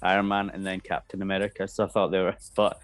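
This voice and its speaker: A man co-hosting a casual pop-culture podcast, musing aloud with frequent pauses and restarts. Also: deep voice, monotone. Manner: hesitant, lots of um and restarts while musing. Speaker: podcast co-host.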